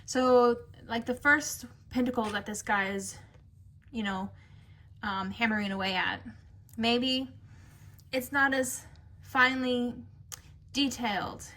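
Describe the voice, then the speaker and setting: A woman gives a casual tarot reading to camera, musing and chatty, with lots of filler words. Her voice is a little high and sharp in tone, and she speaks slowly into the camera mic.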